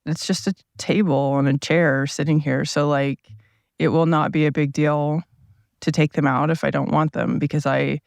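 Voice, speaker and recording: A man hosting a casual solo podcast from inside a parked RV, rambling along in a relaxed, meandering way with his low morning voice. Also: gravelly, dry recording, studio quality. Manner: meandering, relaxed, thinking aloud with many asides. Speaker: podcast host. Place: seated at a table inside a parked RV. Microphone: small mic powered by a tablet.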